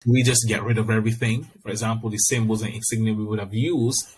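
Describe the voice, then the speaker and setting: A man's voice: lowish voice, fairly even intonation, quick pace, a little mellow. Barbadian man in podcast discussion, noisy recording. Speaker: podcast speaker. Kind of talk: conversational discussion.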